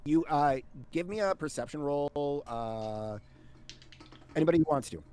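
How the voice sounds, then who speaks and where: A man narrating a tabletop game casually as game master, halting and sweary. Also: a little high, expressive, warm tone, clear, resonant tone.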